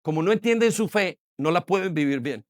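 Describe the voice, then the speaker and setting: High-voiced pastor preaching emphatically. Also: male voice, lively intonation, a little fast, no room sound, studio quality. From Colombia. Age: 40s. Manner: emphatic preaching with repetition and rhetorical questions. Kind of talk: sermon. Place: church hall.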